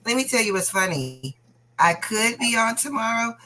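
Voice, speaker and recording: A woman co-hosting a casual stream, lively and quick to laugh and react. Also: on the high side, poor audio. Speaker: co-host. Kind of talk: casual chat on a live stream.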